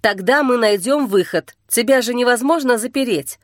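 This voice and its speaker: Gentle reassuring young man as a woman narrator puts him on, unhurried, high-ish voice. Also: no room sound, clean studio sound, natural voice. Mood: coaxing. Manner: slow, steady, gently coaxing. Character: calm young man soothing a frightened girl.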